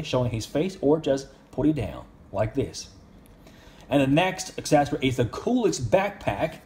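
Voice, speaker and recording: A toy reviewer with a mellow, medium-pitched voice talks casually about an action figure, using simple, non-native English phrasing. There's a slight hiss or hum in the audio.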